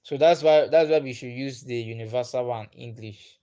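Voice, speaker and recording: A man whose first language is Igbo hosts a livestream, casually chatting and reading comments. His mid-range, warm voice moves at a moderate pace, and he's patient, repeats himself, and chuckles often.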